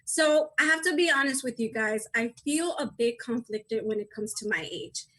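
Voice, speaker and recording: A woman's voice: fairly high pitch, animated, moderate pace, a bit bright, low-quality recording. A woman in her thirties doing a chatty, self-deprecating stand-up set over a video call. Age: 30s. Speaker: stand-up comedian.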